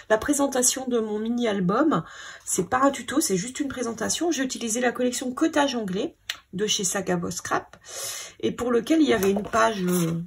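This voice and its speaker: A woman hosts a scrapbooking video, casually and hesitantly thinking aloud while she sorts through her papers. Her voice is fairly high with a breathy edge.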